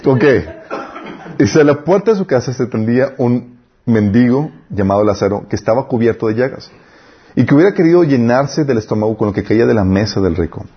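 A man's voice: mid-range voice, expressive, a little fast, breathy edge, highs cut off. A man teaching an informal Bible class in a conversational way, often checking with the class for agreement. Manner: conversational, asks the class for confirmation.

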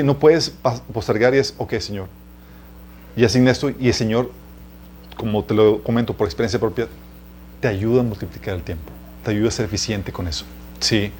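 A Mexican-accented man at a medium pitch, speaking informally from the pulpit and telling stories from his own life. He keeps checking in with the listeners and chuckles along the way, while a faint noise sits under his voice. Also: a little mellow. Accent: Mexican Spanish. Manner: chatty, addresses listeners as "chicos", asks them questions. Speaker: preacher teaching a church series. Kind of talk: conversational teaching sermon with personal stories.

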